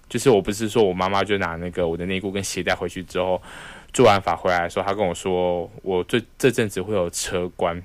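The recording has no echo as this low-pitched young host shares a personal anecdote on his podcast. He has a Taiwanese Mandarin accent, keeps things casual, and animatedly impersonates the people he quotes.

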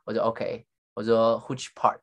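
A man's voice: fairly low pitch, measured pace. A man telling an embarrassing story in a casual podcast chat, poking fun at himself and quoting English lines. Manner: animated, self-mocking, quotes English lines. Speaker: podcast guest.

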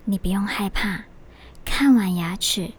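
A woman voicing a kind male dentist in a children's story, speaking in a soothing, reassuring, hushed way. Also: mid-range voice, a little slow, slightly rough. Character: kind gentle male dentist, older uncle type.

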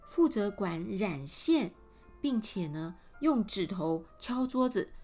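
Woman storyteller, animated pitch, unhurried, spoken sound effects. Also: soft background music. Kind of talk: children's story narration.

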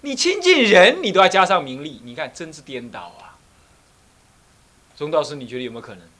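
A man's voice: fairly high pitch, a little fast. A middle-aged man from Taiwan, an abbot giving a Buddhist dharma talk, telling stories vividly, acting out scoldings and asking his listeners questions. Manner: animated storytelling, acts out scolding voices, asks the listeners questions.

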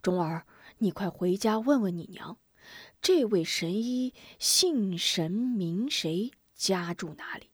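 Woman doing a slow, grave old teacher. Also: animated, breathy edge, dry recording, studio quality. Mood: urgent. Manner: slow, low and deliberate. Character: grave elder martial teacher and healer.

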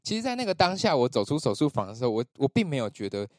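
A man's voice: mid-range voice, racing, dry recording, clean studio sound. A man with a Taiwanese Mandarin accent hosting a podcast, telling a personal story in casual chat and acting out the voices of the people in it. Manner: animated storytelling, acts out quoted voices. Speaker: podcast host.

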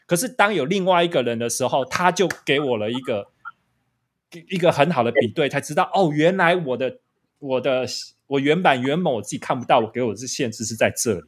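A man's voice: mid-range voice, lively intonation, a little fast, slightly rough. A man, a podcast guest reflecting in casual chat, often restarting his phrases.

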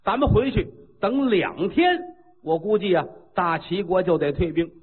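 A man's voice: high voice, expressive, moderate pace, breathy edge, narrow, tinny audio. A man doing a shrewd old general. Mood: persuasive.

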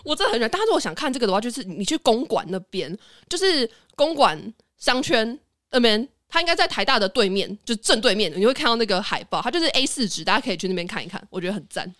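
A young adult woman with a Taiwanese Mandarin accent, telling stories in an animated, chatty way as a podcast host and laughing easily. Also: on the high side, fast, no room sound, studio quality. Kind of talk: casual storytelling chat.

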